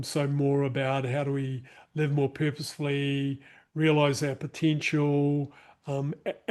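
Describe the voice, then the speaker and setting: A man with a New Zealand accent, his voice on the high side with a darkish tone, offers casual closing words to a live online workshop group. Speaking over a video call mic, he fills his talk with hesitations and restarts.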